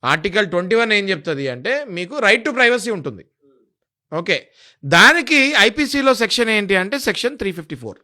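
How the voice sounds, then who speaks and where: A man's voice: high voice, sing-song, moderate pace, pushed and bright. A man being interviewed, explaining legal rights in an emphatic, lecturing way and listing legal sections.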